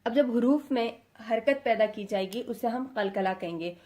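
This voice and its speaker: A fairly high-voiced woman with a Pakistani Urdu accent teaches a recitation lesson. She explains each point patiently and sounds out short syllables to demonstrate. English words slip into her speech now and then. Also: a little mellow. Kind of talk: explanatory lesson, addressing students.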